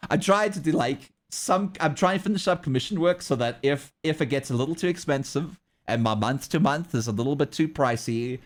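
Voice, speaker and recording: A man with a fairly high voice speaks at normal speed, his South African English accent mixed with Australian and American touches. A streamer and artist from South Africa, he rambles casually with his livestream viewers, chuckling often and answering the chat.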